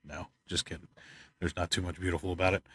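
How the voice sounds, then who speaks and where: A man from the United States giving rambling, opinionated news commentary, tired and stuffed up, clearing his throat often. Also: low-pitched, flat delivery, fast talker, a bit bright, no room sound, clean studio sound. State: congested, stuffed up. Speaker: channel host. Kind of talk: casual news commentary vlog.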